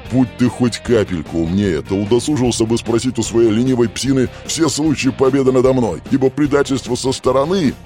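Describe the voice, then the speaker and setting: A man's voice: medium pitch, fairly quick, few pauses, dark tone, soft background music, lightly acted. A man playing a haughty demon prince. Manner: haughty, sneering, growling. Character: arrogant male demon prince, sin of pride.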